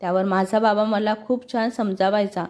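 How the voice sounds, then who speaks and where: A woman's voice: mid-range voice, fairly even intonation, normal speed, a little mellow, close to an everyday voice. A woman voicing a young woman who tenderly confides her grief over her late father, in a storybook reading. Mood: grieving. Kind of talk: storybook dialogue.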